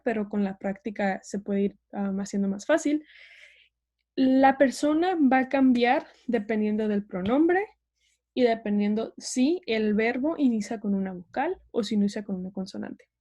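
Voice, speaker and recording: Mellow-voiced woman teaching a language lesson. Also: fairly high pitch, muffled recording. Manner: patient, explains step by step, asks learners to repeat.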